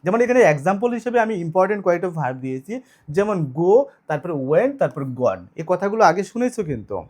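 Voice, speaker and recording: A man's voice: high-pitched, sing-song, fast talker, a little mellow. Man teaching grammar. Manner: explains step by step, asks and answers own questions. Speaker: English teacher. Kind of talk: online video lesson.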